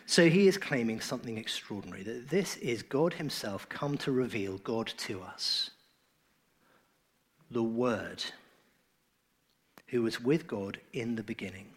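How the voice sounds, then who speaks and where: A man preaching a sermon in an earnest, emphatic way, his phrases often trailing off softly. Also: mid-range voice, expressive, measured pace, long pauses, slightly rough.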